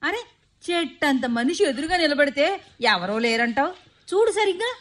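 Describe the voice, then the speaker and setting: A woman playing a fierce old mother-in-law who scolds and shouts in a dramatic skit. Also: sits high, lively intonation, moderate pace. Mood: scolding.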